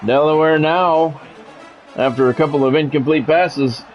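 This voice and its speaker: A game streamer doing play-by-play on a livestream trades clipped announcer calls for casual chat with his viewers, with music underneath. His slightly high voice holds a steady tone at normal speed, but the recording is muffled.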